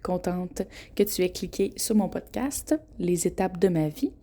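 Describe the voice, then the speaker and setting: A woman's voice: on the low side, animated, measured pace, dark tone. A woman in her twenties with a Québécois accent, hosting a casual solo podcast, frank and chatty, often laughing and tripping over her words. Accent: Québécois French. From Quebec. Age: 20s. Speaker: podcast host.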